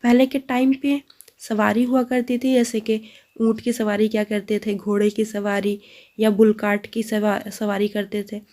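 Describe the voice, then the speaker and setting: A woman teaching children Islamic supplications, reciting Arabic slowly and explaining in with English words mixed in. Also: mid-range voice, flat delivery, a little mellow. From India. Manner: mixes English into Urdu, reads Arabic slowly and deliberately. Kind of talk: slow, patient dua lesson, recites and translates.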